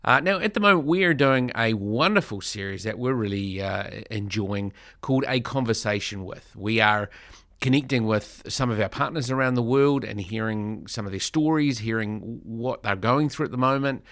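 A man introducing a podcast from a studio, relaxed and chatty. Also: fairly low pitch, moderate pace, no room sound. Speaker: podcast host, charity director.

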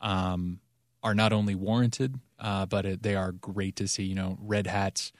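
A man's voice: sits low, level tone, measured pace, dry recording, studio quality. A man co-hosting a podcast, chatting casually and enthusiastically, rambling with many fillers. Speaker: podcast co-host. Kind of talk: casual chat.

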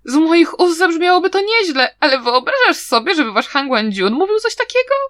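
A woman reading an audiobook, voicing a clever, playful young man who talks in a teasing, lively way. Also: very high-pitched, a little fast, no room sound, pitched above the performer's own voice, heavily acted.

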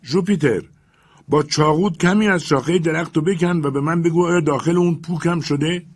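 A male audiobook narrator plays an excitable, obsessed master barking orders with loud urgency. His voice sits above the narrator's own. It keeps a husky, gravelly texture throughout. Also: mid-range voice, pitched above the performer's own voice. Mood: urgent, commanding. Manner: loud urgent shouted commands.

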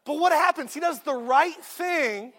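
A man in his thirties delivers a sermon in a very high voice. He is joking and punchy, and he calls out to the congregation. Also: a little slow, a bit bright. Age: 30s. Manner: joking, punchy preaching with call-outs to the crowd. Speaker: pastor.

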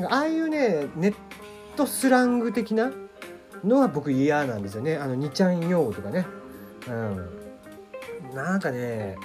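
A man hosting a casual solo web radio talk, reading listener questions in a rambling way with many fillers and a slight mixed regional lilt under standard speech. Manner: rambling, many fillers, animated pitch swings.

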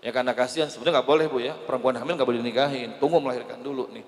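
A man preaching a religious talk to women, lively and joking as he addresses them directly. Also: medium pitch, rapid-fire. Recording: echoey hall.

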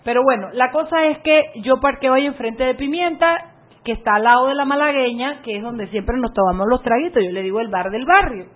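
A woman's voice: sits high, a little fast. A woman hosting a radio show, chatting casually and acting out voices as she tells stories. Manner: lively, chatty, acts out voices in anecdotes. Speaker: radio host. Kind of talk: casual radio chat and storytelling. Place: radio studio booth. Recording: narrow phone-like radio audio.

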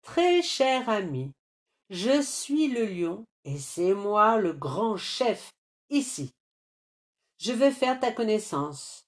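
A woman's voice: medium pitch, sing-song, takes it slowly. A woman voicing a self-satisfied male vulture in a mock-grand, lilting way. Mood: smug.

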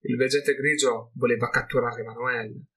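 A man narrating a fantasy audiobook in a measured, dramatic storytelling manner. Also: mid-range voice, steady tone, pushed and bright, breathy edge. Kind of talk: scripted narration.

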